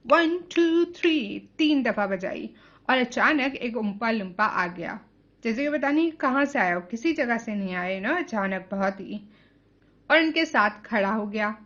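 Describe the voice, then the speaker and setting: Slow, lively woman teacher explaining a story. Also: on the high side, dull audio. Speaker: English teacher. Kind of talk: reading aloud and explaining a novel.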